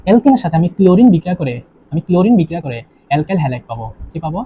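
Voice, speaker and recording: A young chemistry tutor gives an online lesson in a high, very animated voice, talking very fast as he quizzes students and repeats his questions. The dull lo-fi recording carries faint ambience and a little hiss or hum.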